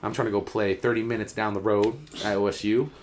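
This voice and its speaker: A young man, a college football player, co-hosting a casual podcast and telling stories in slangy talk, acting out quotes with big jumps in pitch and loudness. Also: flat delivery, quick pace, a little hiss or hum. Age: young adult. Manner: slangy, swears freely.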